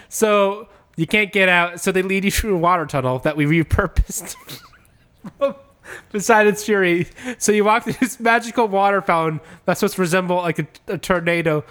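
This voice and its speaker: A man with a slightly high voice, riffing casually through a joke pitch. He rambles, stacking "like" and "you know" as he goes, keeping a loose, unhurried comic delivery. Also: a bit bright. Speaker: comedy podcast host pitching ideas.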